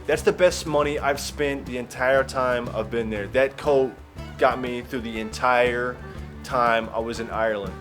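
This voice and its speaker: A man's voice: mid-range voice, steady tone, measured pace, fairly bright tone, faint music behind. A young man vlogging his travels in a wry, rambling, self-mocking way. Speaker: travel vlogger and stand-up comedian. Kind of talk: casual vlog chat.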